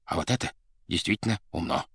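A man voicing an excitable, fussy male theater administrator who stammers and speaks up eagerly. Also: sits low, fast talker, husky, no echo, exaggerated voice. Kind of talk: audiobook character voice.

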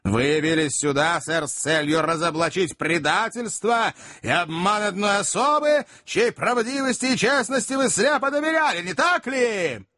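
A man reading aloud and voicing a furious, jealous middle-aged gentleman who shouts and sneers sarcastically. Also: sits high, lively intonation, normal speed, few pauses, voice pushed up. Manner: sarcastic, shouting, repeats "sir" menacingly.

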